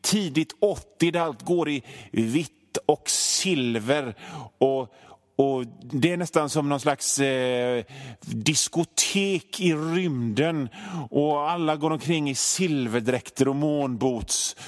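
A man hosting a radio show, delivering a sarcastic, rambling comedy monologue with plenty of swearing. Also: fairly high pitch. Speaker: radio host.

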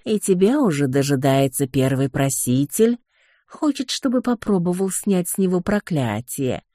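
A reader voicing a sly talking house cat in an audiobook, with a slow drawl. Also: medium pitch, big pitch swings, dark tone, no echo, clean studio sound, pitched above the performer's own voice, close to an everyday voice.

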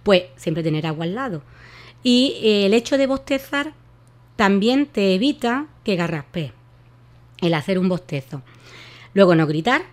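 A woman's voice: medium pitch, animated, a little slow, long pauses. A woman giving voice care advice in a radio interview, explaining with many fillers and restarts. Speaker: voice therapist guest.

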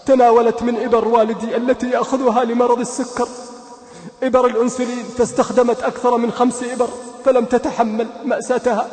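Guy giving a fiery sermon, pleading, pretty high pitched, roomy echo all over. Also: flat delivery, quick pace, darkish tone. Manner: emotional, pleading rhetorical questions. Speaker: preacher. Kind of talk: impassioned sermon with first-person storytelling. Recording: echoey hall with long reverb.

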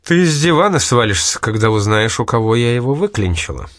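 A man reading aloud and voicing a sly, stubborn young woman, raising his pitch in a coaxing, teasing manner. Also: sing-song, fairly quick, a bit bright, dry recording, clean studio sound.

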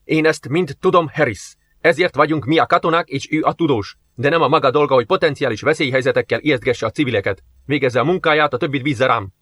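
A man voicing a hot-tempered male first officer who gives sharp, commanding orders. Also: medium pitch, few pauses, no echo, natural voice. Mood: stern.

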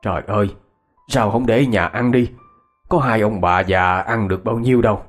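A man voicing a gruff old village man who teases bluntly in a storybook reading. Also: lowish voice, moderate pace, faint music behind, lightly acted. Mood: teasing. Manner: blunt, scolding in jest.

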